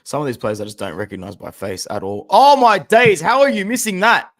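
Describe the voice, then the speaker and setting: A young man hosts a casual football stream and talks straight to his viewers. His voice sits a little high, and he swings between loud outbursts and quiet muttered asides as he reacts to highlights. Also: lively intonation, a little fast. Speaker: football fan channel host. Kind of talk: casual live-stream commentary.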